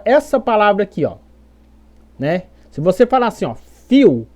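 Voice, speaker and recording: A woman's voice: medium pitch, dark tone, muffled recording. A Brazilian woman teaching English pronunciation in a patient explanatory way, repeating examples and checking in often. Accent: Brazilian Portuguese. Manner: patient, repeats examples, keeps asking "beleza?". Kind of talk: explanatory lesson.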